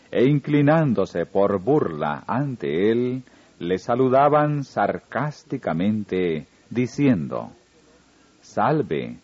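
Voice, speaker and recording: A man reading a religious story aloud in a slow, solemn narrating manner. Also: mid-range voice, a little mellow. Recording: dull lo-fi recording with faint music.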